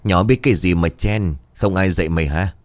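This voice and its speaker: A man's voice: low voice, fairly quick, no room sound, close to an everyday voice. A man voicing a brash, menacing young village bully in a storybook tale.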